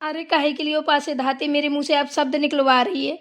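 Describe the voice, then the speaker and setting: Brief: a woman doing a stern cartoon saas, high and bossy, scolds without pause. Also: flat delivery, a bit bright. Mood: scolding. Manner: scolding, bossy, repeats "theek hai na". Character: stern scolding Hindi mother-in-law, fasting and irritable. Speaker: voice actor. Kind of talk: Hindi cartoon voice acting.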